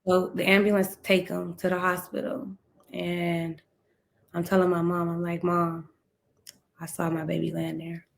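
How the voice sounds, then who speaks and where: Podcast guest, woman, middle-aged, from ohio, gravelly voice, tells her story and acts out the quotes. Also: fairly low pitch, monotone, measured pace. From Ohio, USA. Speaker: podcast guest, speaker and author. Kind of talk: emotional personal storytelling.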